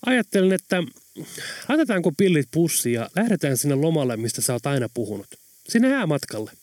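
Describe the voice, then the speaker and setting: An easygoing, jokey young man talking casually and upbeat, as a male narrator does his voice. His voice sits higher and a touch louder than plain narration. The sound is dry and close. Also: very animated, dry recording.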